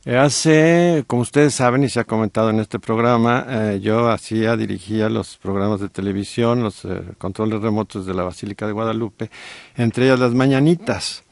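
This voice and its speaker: A middle-aged man with a Mexican accent, telling a story on a radio talk show with many pauses and fillers. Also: fairly low pitch, creaky, no room sound. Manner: warm storytelling with frequent fillers. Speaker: guest co-host.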